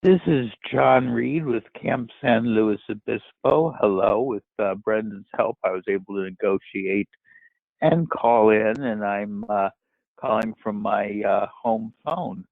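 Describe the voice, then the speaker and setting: A man calling in to a meeting over a landline phone, introducing himself in a halting way with pauses and fillers. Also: lowish voice, gravelly, no echo. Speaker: committee member calling in. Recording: tinny, dry landline phone line.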